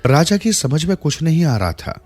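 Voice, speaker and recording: A man's voice: on the high side, sing-song, moderate pace. A man narrating a moral folk tale in a scripted storytelling style, changing his voice for the characters' lines. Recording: soft music bed behind the voice.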